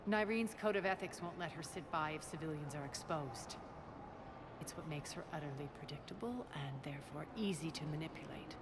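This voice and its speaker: Woman playing low-voiced, cold, commanding rebel leader. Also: a little fast, very noisy, lightly acted. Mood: cold, calculating. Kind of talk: video game dialogue acting.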